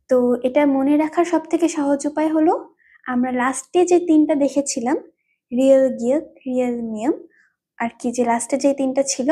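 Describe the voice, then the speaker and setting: A woman teaches a language lesson in a high, warm, soft-edged voice. She explains patiently and repeats each term several times so learners can follow. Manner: repetitive.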